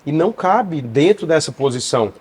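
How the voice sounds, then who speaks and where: A Brazilian man, a co-host who mentors couples, speaking in a measured, advising tone in a casual interview. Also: fairly high pitch, animated, darkish tone, breathy edge. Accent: Brazilian Portuguese.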